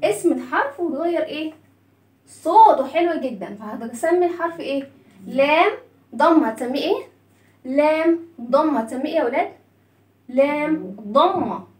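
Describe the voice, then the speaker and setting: High-voiced Egyptian teacher drilling kids. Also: female voice, animated, normal speed, long pauses, darkish tone, far from the mic. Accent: Egyptian Arabic. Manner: encouraging, drilling sounds, asks questions. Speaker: children's teacher. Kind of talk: kids' reading lesson. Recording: echoey room, away from mic.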